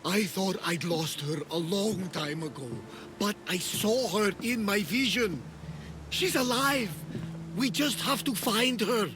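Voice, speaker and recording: An actor playing a delirious, devoted old Greek sailor in a video game, telling of visions with dreamy drama. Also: male voice, high voice, slow pace, background noise. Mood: wistful, earnest. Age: older.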